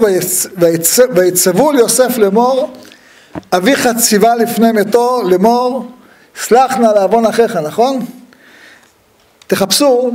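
A man giving a humorous religious talk, telling stories with lively acted-out dialogue and frequent laughter. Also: high-pitched. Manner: lively storyteller who acts out the dialogue; laughs often at his own stories.

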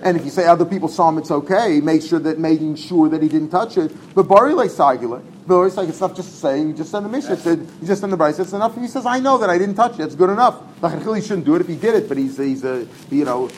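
A man giving an informal Talmud class, talking fast and animatedly, repeating himself and mixing in Hebrew terms. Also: fairly high pitch, darkish tone, slight background noise, poor audio. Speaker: Talmud teacher.

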